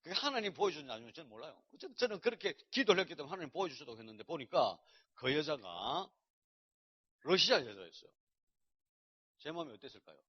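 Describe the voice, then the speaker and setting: A male pastor telling a personal testimony in a sermon, swinging between loud outbursts and hushed asides. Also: a little high, sing-song, fast, husky. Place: church lecture hall. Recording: dull lo-fi recording.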